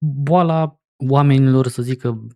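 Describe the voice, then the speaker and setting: A man's voice: medium pitch, fairly even intonation, dark tone. A man in his forties giving casual, sarcastic reaction commentary as a streamer. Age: 40s. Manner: sarcastic, mocking.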